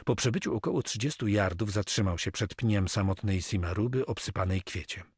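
A man narrating an adventure audiobook in a steady, measured way. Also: lowish voice, breathy edge, no room sound, studio quality. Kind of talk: scripted narration.

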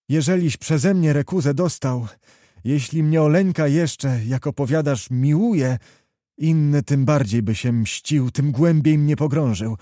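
A man's voice: fairly high pitch, warm tone, dry recording, studio quality, pitched above the performer's own voice, natural voice. A man reading the part of a hot-headed, remorseful young nobleman lying wounded, speaking with passion and rising to exclamations. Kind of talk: audiobook character reading.

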